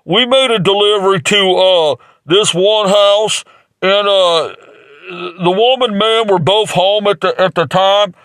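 A man's voice: high-pitched, takes it slowly, fairly bright tone, no room sound. A man improvising a rambling mock infomercial as a salesman, with crude jokes and lots of fillers. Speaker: comic playing a mattress salesman.

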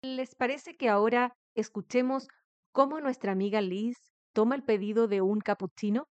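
A woman, a native Spanish speaker, hosting a pronunciation lesson podcast and leading slow repetition drills. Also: fairly high pitch, fairly even intonation, darkish tone, dry recording, muffled recording. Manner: slow, clear, instructive, leads repetition drills. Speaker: English teacher, podcast host.

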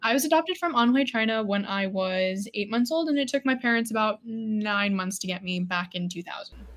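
Twenties woman from Florida, guest, mid-pitched, thoughtful, conversational. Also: lively intonation, normal speed, fairly bright tone. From Florida, United States. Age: 20s. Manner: thoughtful, conversational, with frequent fillers. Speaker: podcast guest. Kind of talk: casual interview.

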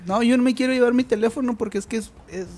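A fussy, insistent young girlfriend with a high, whiny voice, as a man imitates her while telling a story. She talks soft and pleading. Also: fast talker.

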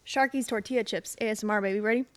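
A woman's voice: mid-range voice, fairly even intonation, rapid-fire, slight background noise. A young woman co-hosting a podcast, talking casually, joking and swearing freely. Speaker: podcast co-host. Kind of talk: casual chat.

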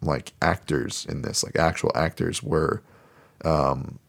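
A man's voice: extremely low pitch, slow, gravelly. A man co-hosting a podcast, reviewing a movie in a laid-back, rambling way with lots of fillers. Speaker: podcast co-host. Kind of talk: casual movie review chat.

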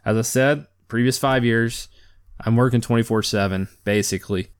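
A man in his thirties hosting a podcast, talking casually and rambling in an even-keeled, down-to-earth way with lots of fillers. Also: mid-range voice, normal speed, clear, resonant tone. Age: 30s. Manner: laid-back, even-keeled, self-described down-to-earth; rambling with many fillers and restarts. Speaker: podcast host. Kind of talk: casual solo monologue.

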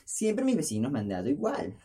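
A man's voice: a little high, brisk, slightly rough. A young man hosting his own show, telling stories in a jokey, self-mocking monologue to a camera in his bedroom. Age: young adult. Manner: jokey, self-mocking, lively storytelling with laughs. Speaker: podcast host. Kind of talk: casual rambling monologue. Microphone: camera's built-in mic, close up.

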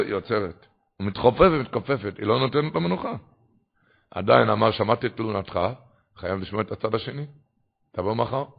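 A male preacher giving a fervent Torah sermon that swings up to loud exclamations. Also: mid-range voice, vocal fry. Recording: dull lo-fi recording.

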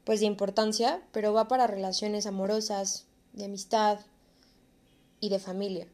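A woman's voice: medium pitch, little pitch movement, moderate pace, a little mellow. Earnest young Mexican woman vlogging. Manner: earnest, encouraging, casual slang. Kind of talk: reflective vlog monologue.

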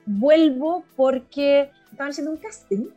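A middle-aged woman from Argentina, a guest telling her life story in a relaxed, chatty way. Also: high voice, measured pace, muffled recording, faint music behind. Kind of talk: casual interview talk.

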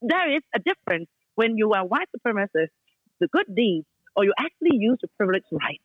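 Fairly quick and swinging widely in pitch, a woman's mid-range voice comes through a dull, muffled call line with no room sound. She chats casually in English with non-native grammar, bluntly and with force. To drive each point home, she repeats short commands over and over.

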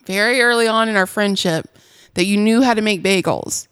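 A woman's voice: mid-range voice, moderate pace, a bit bright, clean tone. A woman co-hosting a podcast in casual chat, teasing her co-host and laughing often.

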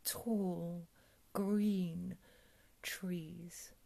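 A woman with a soft, calm whisper, guiding a breathing meditation in a soothing ASMR style. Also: on the low side, drawn-out words, creaky. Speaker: meditation guide.

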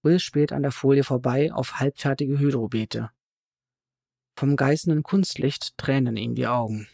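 A man reading a psychological thriller audiobook in a calm, measured way. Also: mid-range voice, vocal fry, no echo, clean studio sound. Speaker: audiobook narrator. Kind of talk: scripted audiobook narration.

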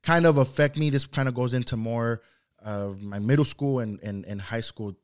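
A young Mexican man whose first language is Spanish talks at a normal pace in a medium-pitched voice as a podcast guest. His casual, rambling speech is packed with "you know" and "like."

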